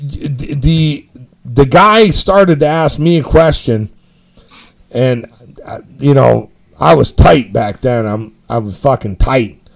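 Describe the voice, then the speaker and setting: A man's voice: medium pitch, gravelly, darkish tone. A middle-aged man hosting a powerlifting live stream, telling stories in a rambling, profane, emphatic way. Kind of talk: casual storytelling chat.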